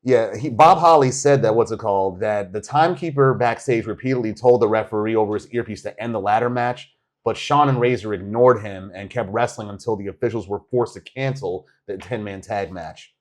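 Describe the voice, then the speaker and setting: A man co-hosting a podcast, telling wrestling stories in a casual, animated way. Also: lowish voice, fairly quick. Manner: animated storytelling, quotes wrestlers. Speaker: podcast co-host. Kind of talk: casual chat.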